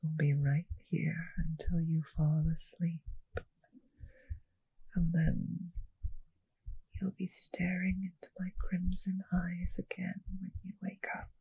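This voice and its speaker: Breathy, whispering seductive vampire mistress played by a woman. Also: on the low side, little pitch movement, warm tone, dry recording, lo-fi sound, exaggerated voice. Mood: tender, soothing. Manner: slow, tender, teasing, purring intimacy. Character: seductive, possessive, doting vampire noblewoman mistress. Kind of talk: intimate ASMR roleplay audio drama.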